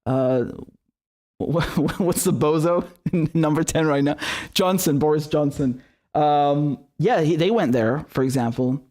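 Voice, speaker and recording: His fairly high, mellow voice carries a passionate rant as this young Syrian hosts a live political commentary stream. He swears between quick asides.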